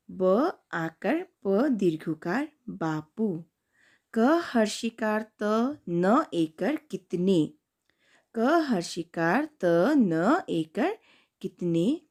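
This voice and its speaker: A woman's voice: mid-range voice, a little mellow. A woman teacher giving a primary school Hindi lesson, spelling out words syllable by syllable and explaining their meanings to young children. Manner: slow syllable-by-syllable spelling drills.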